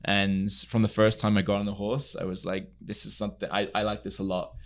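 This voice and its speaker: Man, from England, low pitch, podcast studio, earnest storytelling guest. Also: level tone, brisk. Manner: earnest, storytelling, frequent fillers. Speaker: podcast guest, equestrian entrepreneur. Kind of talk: casual interview chat.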